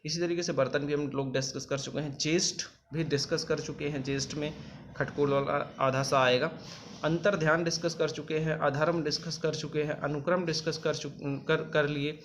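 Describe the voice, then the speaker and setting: Guy w a north indian teaching spelling, bit high voice, says every word twice, slow n patient. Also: little pitch movement, a bit bright, a little hiss or hum. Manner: patient, repeats each word slowly and spells it out. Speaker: exam coaching teacher. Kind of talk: spelling lesson over written slides.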